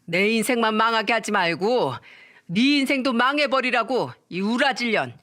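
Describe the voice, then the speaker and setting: A woman's voice: fairly high pitch, expressive, measured pace. A woman voicing a drunk, spiteful middle-aged mother who hurls contemptuous insults. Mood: enraged. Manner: taunting, contemptuous, yelling.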